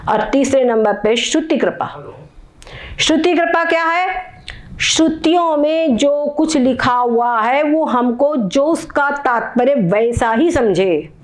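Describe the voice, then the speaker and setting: A woman's voice: high voice, lively intonation, slow. A woman giving a spiritual discourse, explaining patiently and often checking that her listeners follow. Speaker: spiritual teacher.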